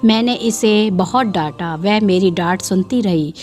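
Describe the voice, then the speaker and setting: Slow, measured woman storyteller. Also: mid-range voice, a little mellow. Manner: slow, measured first-person reading. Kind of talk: scripted story narration. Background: faint background music.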